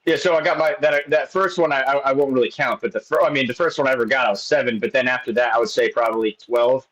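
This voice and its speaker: A man's voice: mid-range voice, steady tone, fast talker, fairly bright tone, rough recording. A man in his late thirties, a guest in casual chat, rambling along with many restarts and fillers. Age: 30s.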